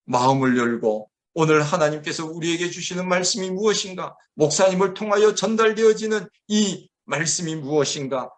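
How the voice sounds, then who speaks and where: Korean pastor preaching, fairly high voice. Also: male voice. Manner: warm preaching voice, acting out gentle and scolding quotes. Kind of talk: sermon. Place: church sanctuary.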